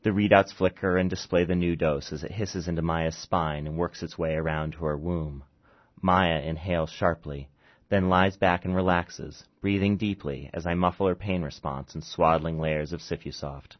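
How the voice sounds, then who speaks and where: A man, an author, reads his own short story aloud and chats haltingly with fillers between readings, in a dull lo-fi recording. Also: deep voice, fairly even intonation. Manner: halting, with fillers, when chatting.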